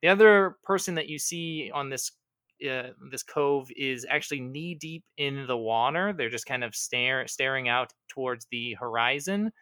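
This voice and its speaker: A man's voice: medium pitch, moderate pace, pushed and bright, clear, resonant tone, dry recording, studio quality. A man narrating as game master of a tabletop game, rambling along with fillers and self-corrections.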